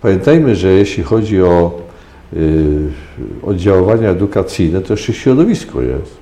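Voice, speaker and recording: Deep-voiced older man lecturing emphatically. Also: big pitch swings, normal speed, mellow, roomy sound. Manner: lecturing, emphatic, with frequent hesitations. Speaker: sexologist guest. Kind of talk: radio interview answers.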